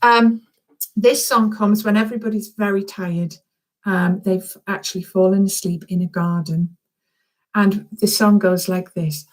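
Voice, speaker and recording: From a room at home, a woman who writes children's books chats casually and encouragingly with young schoolchildren over live video, regularly pausing to ask them little questions. Her medium-pitched voice stays steady and unhurried, though the recording quality is low.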